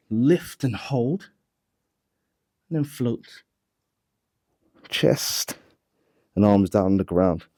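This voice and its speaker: Male Pilates instructor, slow and mellow, short of breath, steady counting cues. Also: medium pitch. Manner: calm cueing with breath counts. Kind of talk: guided workout instruction.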